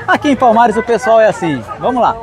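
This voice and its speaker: A Brazilian vlog host walks through an outdoor street market, giving his viewers casual, enthusiastic commentary and addressing them directly. He talks fast in a high-pitched voice with lively intonation, while the busy market crowd and traffic noise fill the background.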